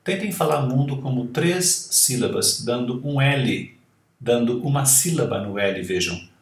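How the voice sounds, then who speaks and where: A man teaching English to Portuguese speakers, explaining a text slowly and saying the English words aloud again and again. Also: mid-range voice, lively intonation, echoey room, far from the mic. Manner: slow, deliberate, models English words aloud and repeats them. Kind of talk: language lesson explaining a reading.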